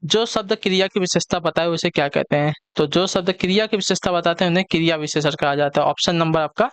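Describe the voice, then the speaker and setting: A man's voice: on the high side, fast, a bit bright, clean tone, dry recording. A man teaching an online exam-prep lesson. He repeats each question and answer and keeps checking in with his students.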